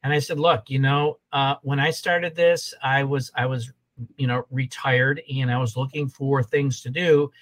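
A man's voice: mid-range voice, steady tone, measured pace, rough recording. A man in his sixties, a holistic health coach, talking as a podcast guest and repeating his points in a rambling way. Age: 60s. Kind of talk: casual podcast conversation.

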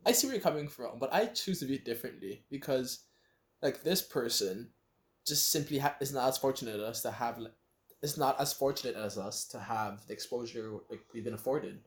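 A man's voice: medium pitch, brisk. A young man in his late teens co-hosting a casual podcast chat, rambling with lots of fillers and restarts. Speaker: podcast co-host. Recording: roomy echo.

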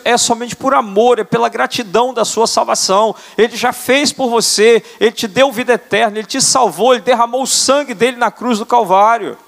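Older male apostle, high-pitched, earnest sermon delivery, church hall reverb. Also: creaky, a bit bright. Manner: earnest preaching, tag questions. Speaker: apostle preaching. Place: church sanctuary.

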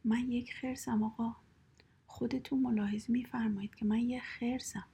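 A woman's voice: a little high, gravelly, warm tone, husky, full character voice. A woman voicing a polite, bewildered male bear in a whispered role-play, pleading in formal words.

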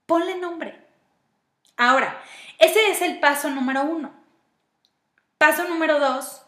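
High-voiced Mexican woman in echoey room. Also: a little slow, a bit bright. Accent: Mexican Spanish. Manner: asks herself questions aloud, step by step. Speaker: speaker giving personal-growth advice. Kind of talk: reflective self-help talk. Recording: roomy echo.

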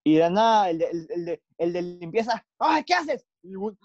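Young Peruvian man, casual podcast co-host, a touch high, dry close sound, rambling slangy storyteller. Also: brisk, no room sound, dull audio. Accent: Peruvian Spanish. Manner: rambling, slangy, animated anecdotes.

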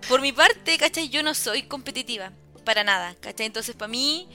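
Young Chilean woman co-host, high bright voice, animated casual chat. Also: moderate pace, faint music behind. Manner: animated, tag questions after every phrase. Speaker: podcast co-host.

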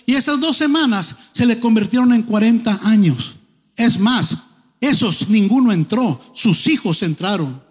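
A middle-aged male pastor, preaching a lively sermon and joking as he urges the congregation on. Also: high-pitched. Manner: animated, joking, exhorting the congregation. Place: church hall. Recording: long church hall reverb.

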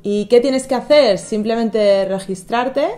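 A woman's voice: a little high, unhurried, warm tone, soft background music. A woman co-hosting a bilingual language lesson, playfully asking how to say things and laughing easily. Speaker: co-host asking questions.

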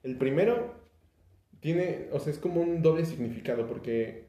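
A man's voice: a little high, moderate pace, dark tone. A young Mexican man chatting casually about an album, hesitant and full of fillers and restarts. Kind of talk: casual podcast chat about music. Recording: echoey room.

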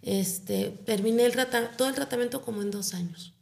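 Gravelly-voiced Mexican woman telling her story. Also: a little high, brisk, a little mellow. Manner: tag questions after nearly every phrase. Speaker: guest, foundation founder. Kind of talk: personal storytelling in an interview.

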